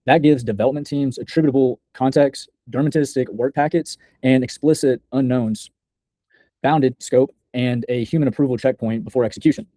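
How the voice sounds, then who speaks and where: A young man giving a scripted software demo in a deliberate, measured, slightly halting way, as a developer presenting a project. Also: mid-range voice, steady tone, no room sound.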